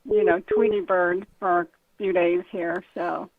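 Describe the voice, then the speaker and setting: Gravelly-voiced woman caller on a phone line. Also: on the low side, fairly even intonation, measured pace. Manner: rambling, with many fillers. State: hoarse, recovering voice. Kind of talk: casual call-in chat.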